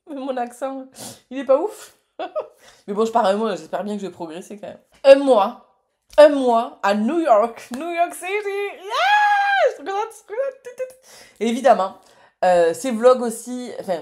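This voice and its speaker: A woman's voice: fairly low pitch, a little mellow. A woman in her late thirties chatting to camera in a casual vlog, effusive and full of hesitations. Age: late 30s. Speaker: entrepreneur and vlogger.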